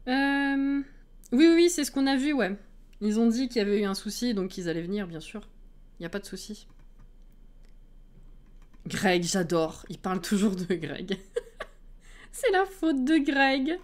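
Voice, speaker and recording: A woman's voice: medium pitch, normal speed, pauses often. A woman streamer in casual chat with her viewers, laughing often and greeting people as they come in.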